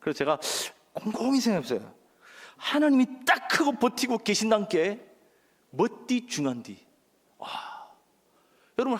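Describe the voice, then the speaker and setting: A male pastor preaches in a high, very animated voice and calls out lines for the congregation to answer back. His voice carries a long reverb from the church sanctuary. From Gyeongsang region, Korea. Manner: preaching with call-and-response to the congregation. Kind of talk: sermon.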